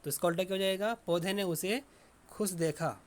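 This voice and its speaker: Man dictating a slow lesson. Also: high voice. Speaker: teacher. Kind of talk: online lesson for children.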